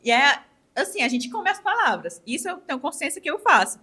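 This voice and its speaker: A woman's voice: sits high, sing-song, brisk, sharp tone. A woman in her twenties with a Brazilian accent from Ceará, chatting as a podcast guest and acting out quoted dialogue with animation. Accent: Ceará Brazilian Portuguese. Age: 20s. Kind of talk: casual interview chat.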